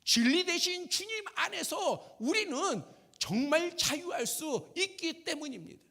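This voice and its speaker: A man preaching from the pulpit in a high voice that swoops up and down. He speaks with fervent emphasis, and his repeated lines swell into shouts. His pitch climbs well above most men's. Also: sing-song, measured pace, vocal fry. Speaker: pastor. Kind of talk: sermon. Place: church sanctuary.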